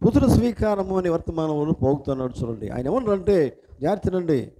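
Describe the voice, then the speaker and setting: High-voiced, mellow Telugu-speaking pastor. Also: male voice, expressive, a little fast, a little hiss or hum. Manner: asks the congregation repeated questions; repetitive, emphatic preaching cadence. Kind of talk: sermon.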